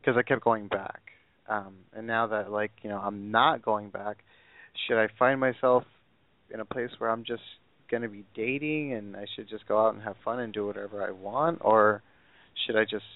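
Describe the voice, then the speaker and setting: A man's voice: on the low side, steady tone, normal speed, no room sound. A man in his twenties from Southern California, calling in over a phone line. He talks hesitantly and rambles, with many fillers. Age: 20s. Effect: heard over a phone line. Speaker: caller. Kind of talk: call-in advice conversation. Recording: tinny phone line, faint and distant.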